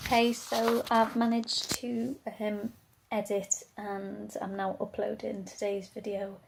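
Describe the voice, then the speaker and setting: A woman's voice: mid-range voice, flat delivery, slow, vocal fry, slight background noise. Worn out mum rambling to her vlog camera, lots of ums, young-ish. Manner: chatty and rambling, with frequent ums. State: tired and run down. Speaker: vlogger, stay-at-home mum. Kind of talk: casual vlog chat.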